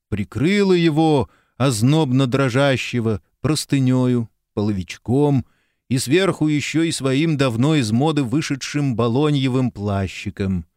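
A man reads a literary novel aloud in a measured, expressive way, at a middle pitch. The recording is dry and close, with no room sound. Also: no echo. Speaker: audiobook narrator. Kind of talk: literary audiobook reading.

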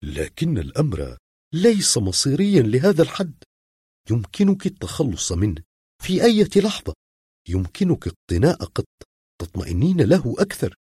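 A man's voice: on the low side, huge pitch swings, normal speed, long pauses, dark tone, husky, no room sound, clean studio sound, voice pushed up, heavily acted. A man voicing a wry, reassuring vet. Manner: reassuring, dryly sarcastic. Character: calm, wry male veterinarian. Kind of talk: audiobook reading.

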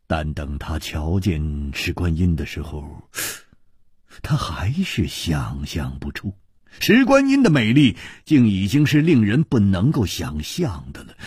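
A man telling a martial-arts tale in radio storytelling style, with expressive, swooping delivery. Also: on the low side, breathy edge, no echo, studio quality.

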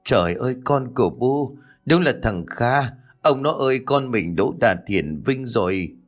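A man's voice: mid-range voice, animated, moderate pace, natural voice. A man voicing a poor elderly village mother, tearful and trembling as she pleads and scolds. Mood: tearful joy.

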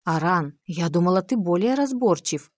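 A seductive, cruel queen with a soft, rustling voice and a capricious drawl, as a woman reads her in an audiobook. The sound is dry and close. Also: lowish voice, lively intonation, normal speed, dry recording, lightly acted.

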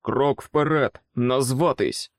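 A man voicing an aggressive male ex-soldier who shouts loud, commanding orders. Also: mid-range voice, unhurried, dry recording, clean studio sound, lightly acted. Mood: barking orders.

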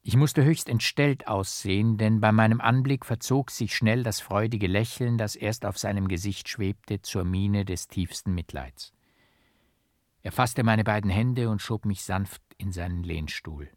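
A male audiobook reader narrating with careful emphasis and rhythm. His voice is low-pitched and the delivery very unhurried. The recording is close and dry, with no room sound. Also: dry recording. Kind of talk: scripted literary narration.

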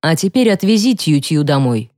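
A woman reading an audiobook voices a bossy, protective teenage girl giving hushed, urgent commands. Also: sits low, sing-song, moderate pace. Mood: commanding, reassuring.

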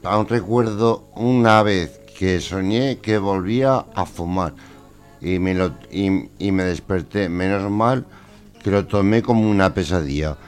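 Low-pitched man, radio participant, reads a text in a calm, even way. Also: a little slow, smooth, soft background music. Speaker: participant reading listener dreams. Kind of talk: casual talk then reading aloud.

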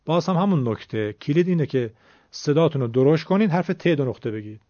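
A man gives a radio pronunciation lesson, voice sitting a little high for a man. He explains patiently and sounds out letters slowly. The recording is dull and dry, like an old broadcast. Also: lively intonation, dark tone, dry recording. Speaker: Quran recitation teacher.

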